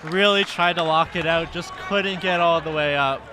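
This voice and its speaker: A man giving live commentary at a powerlifting meet, shouting encouragement during the lifts. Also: a little high, normal speed. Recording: loud crowd and noise in venue.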